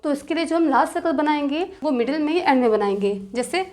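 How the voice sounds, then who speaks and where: High-pitched lady teacher, patient, repeats every rule, stretches out example words. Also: expressive, quick pace, darkish tone. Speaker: shorthand teacher. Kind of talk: step-by-step tutorial explanation.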